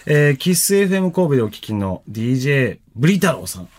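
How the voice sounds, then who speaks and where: Man, mid-range voice, relaxed band radio host. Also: medium pitch, fast. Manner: relaxed, runs the show, reads mail aloud. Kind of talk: casual radio chat.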